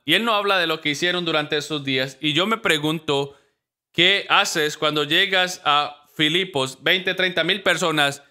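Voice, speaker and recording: A pastor preaching a sermon in a lively storytelling manner, acting out the voices of the people in his stories. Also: fairly high pitch, clean tone.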